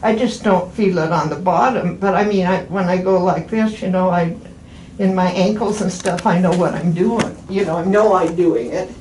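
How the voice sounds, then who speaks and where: A woman in her eighties, a podiatry patient, chats casually during her appointment, rambling and often restarting phrases. Her voice is fairly low, at a moderate pace and a little mellow. The room is echoey with faint background noise.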